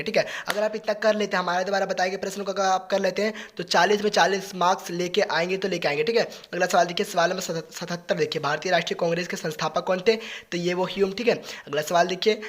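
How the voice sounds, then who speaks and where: A teacher drills exam questions at a rapid clip. The pitch sits in a middle range, and the delivery is brisk and businesslike. A short refrain of "okay, next question" comes back between answers.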